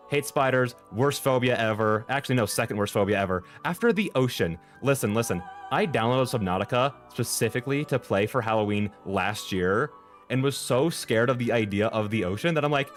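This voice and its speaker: Man chatting casually on a livestream over music. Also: mid-range voice. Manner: rambling, expressive, exaggerated exasperation. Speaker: streamer. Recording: music playing behind the voice. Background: background music.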